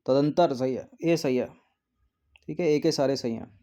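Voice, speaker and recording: A man's voice: medium pitch, normal speed, warm tone, clear, resonant tone. A man teaching an exam practice test, explaining each answer and repeating words as he checks the options.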